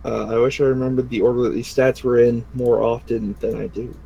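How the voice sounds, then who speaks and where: A man with a mid-pitched voice runs a tabletop game over group voice chat. He is informal and thinks aloud as the game master. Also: flat delivery, fairly quick, gravelly, dark tone, breathy edge, highs cut off.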